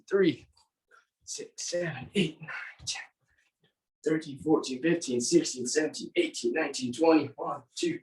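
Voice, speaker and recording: An aerobics instructor leading a group workout, giving short encouraging commands and counting out repetitions. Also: mid-range voice. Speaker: aerobics and fitness class instructor. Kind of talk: live group workout coaching with counted reps. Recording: roomy echo, distant mic.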